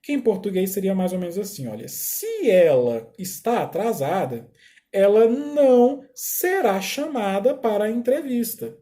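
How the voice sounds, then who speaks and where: A Brazilian man teaching a recorded English lesson, explaining slowly, repeating phrases and checking understanding with short "tá?" tags. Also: high-pitched, very animated, mellow.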